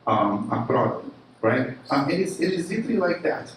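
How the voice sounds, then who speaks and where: A marketing chief with a Brazilian Portuguese accent delivers a keynote presentation at a live event, speaking casually and animatedly at normal speed while stumbling over fillers and restarting sentences. His mid-pitched voice is captured from a distance, ringing through a very echoey room over faint background noise.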